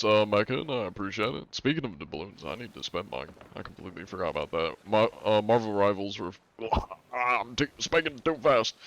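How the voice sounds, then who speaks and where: He has a lowish, fairly bright voice. A northern US streamer in his twenties, he chats casually during gameplay, reading out chat and rambling with lots of fillers.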